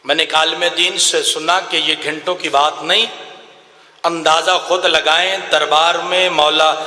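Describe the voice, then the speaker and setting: A man preaching a mourning sermon, his bright, forceful voice rising into impassioned chant and near-shouts. It is fairly high for a man. The sound rings through a large, echoey hall with a long tail of reverb. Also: fairly even intonation. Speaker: majlis orator.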